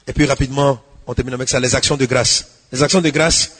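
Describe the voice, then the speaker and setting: A man preaching a sermon as a pastor, swinging between hushed pleading and shouted exhortation, with a husky voice. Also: mid-range voice, fairly even intonation, fast talker, in a large hall.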